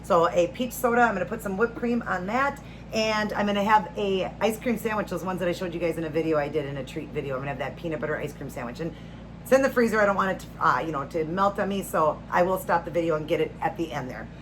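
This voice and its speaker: A woman's voice: lowish voice, fast, low-quality recording. A middle-aged woman hosting a vlog, chatting casually to viewers in a rambling, homey, earnest way. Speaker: host of a food and faith vlog. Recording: noticeable background noise, home video.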